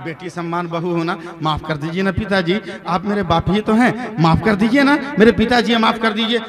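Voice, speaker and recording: A man's voice: high-pitched, fairly quick, voice pushed down, lightly acted. A male preacher voicing a devout young bride who pleads tearfully with her in-laws, in an echoey hall. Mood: pleading softly.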